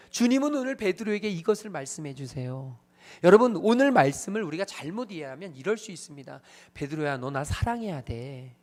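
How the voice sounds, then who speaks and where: A man preaching a sermon as pastor, emphatic, repeating phrases and speaking straight to the congregation. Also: very high voice.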